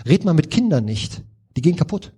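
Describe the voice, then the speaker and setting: A man's voice: on the high side, very animated, fairly quick, dark tone, slightly rough. A middle-aged man preaching a sermon in a conversational, informal way, with rhetorical questions and frequent restarts.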